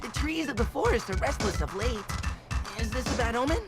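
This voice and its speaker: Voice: medium pitch, expressive, brisk, close to an everyday voice. An actor voicing a peaceful, solemn mushroom villager in a video game. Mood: calm, worried. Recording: game audio under loud music.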